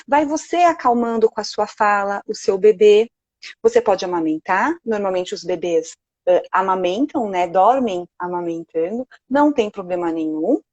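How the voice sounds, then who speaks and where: A woman with a Brazilian Portuguese accent, a sleep consultant speaking gently and reassuringly on a live video call. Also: medium pitch, dry recording, muffled recording.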